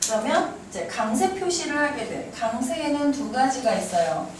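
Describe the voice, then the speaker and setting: A woman's voice: sits high, sing-song. Teasing woman teacher in an echoey room. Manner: brisk, teasing, quizzes students. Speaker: English teacher. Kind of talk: classroom lecture. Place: classroom. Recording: echoey classroom from far off, noisy.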